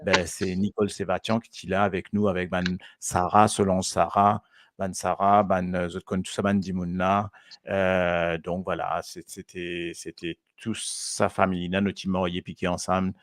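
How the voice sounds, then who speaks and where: A man's voice: deep voice, little pitch movement, moderate pace, no echo. A man from Mauritius presenting a radio show in casual chat, hesitant, with many fillers and restarts.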